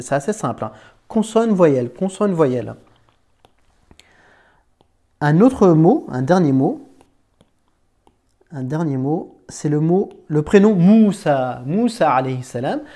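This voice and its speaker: Here the Arabic reading teacher sounds a little high, sing-song, and mellow. Informal and patient with his one learner, whom he calls "tu," he checks comprehension with "d'accord?" and stretches words out to sound them.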